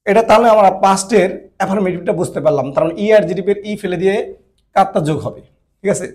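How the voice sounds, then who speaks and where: A man with a fairly high, light voice teaches a grammar lesson. He repeats each rule several times and keeps checking that his listeners follow. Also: quick pace, darkish tone. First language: Bengali. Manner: repetitive, checks understanding often. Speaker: Japanese language teacher. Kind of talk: classroom-style grammar lesson.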